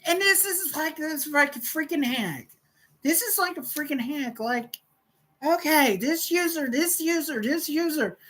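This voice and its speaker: A woman's voice: sits high, animated, measured pace, a bit bright, a little hiss or hum, rough recording. A woman hosting a livestream, telling a rambling story with lots of repetition and cursing. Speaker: livestream host.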